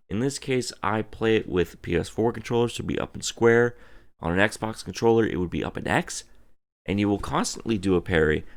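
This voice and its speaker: Male game reviewer, drunk, very low and fry-heavy, profane, emphatic, stretches out words. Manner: emphatic, theatrical, drawn-out words and repeated phrases.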